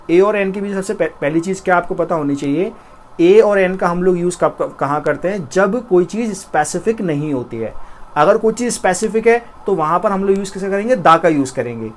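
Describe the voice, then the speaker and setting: A young man with an Indian accent and a high-pitched voice teaches a spoken English lesson. He explains patiently, step by step, and says each example slowly, often twice. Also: slight background noise.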